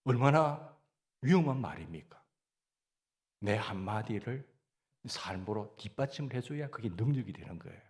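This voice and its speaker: A man with a Gyeongsang Korean accent preaching a sermon as pastor, asking the congregation questions and answering them himself. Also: medium pitch.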